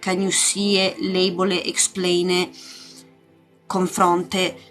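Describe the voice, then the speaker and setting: Fairly low and completely flat, this woman's voice moves slowly as she gives a casual live tarot reading in her role as a spiritual coach. She keeps searching for words and repeating them, with loud music running under her voice.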